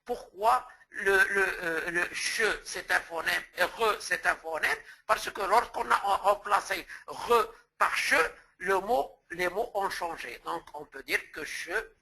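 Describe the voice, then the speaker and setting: A man's voice: sits high, slow pace, creaky, sharp tone, husky, poor audio. A man from Morocco giving a lecture as a teacher trainer, explaining step by step and restating terms with word examples.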